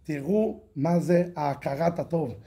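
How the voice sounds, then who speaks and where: A man giving a religious lesson, telling a story with animated delivery and slow, drawn-out moral asides. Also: on the high side. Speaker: religious lecturer.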